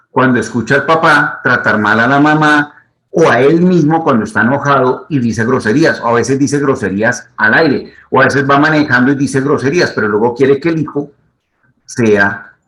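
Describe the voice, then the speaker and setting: A man's voice: medium pitch, normal speed, a bit bright, low-quality recording. A middle-aged man, a psychologist, giving advice to the camera in a teaching manner and repeating his key points. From Colombia.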